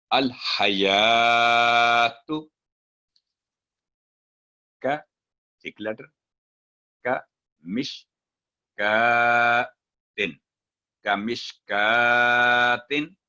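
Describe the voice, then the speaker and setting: In a step-by-step recitation lesson, a man chants Quran example words syllable by syllable, then explains the rules. His voice is lowish with a sharp tone, and the audio sounds dull.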